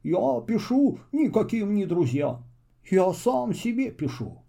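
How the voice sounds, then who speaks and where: A shy, lonely little storybook traveler who speaks slowly and with careful courtesy, as a male narrator puts him on. The voice is raised high and warm, with a lively, singsong lilt. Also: gravelly, exaggerated voice. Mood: polite, gentle. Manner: slow, courteous and hesitant. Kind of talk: children's storybook reading.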